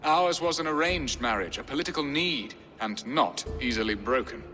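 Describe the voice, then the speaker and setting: A voice actor performs a video game cutscene as a weary, wry middle-aged English nobleman and husband, speaking theatrically, sardonically and floridly with a wistful edge. His medium-pitched voice is expressive and sharp at normal speed, with long hall reverb and music behind.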